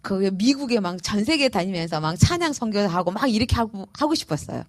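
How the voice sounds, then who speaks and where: A woman pastor preaching a sermon and telling her own story in an emphatic, expressive way. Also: mid-range voice, fairly quick, no room sound. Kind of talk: sermon with personal testimony.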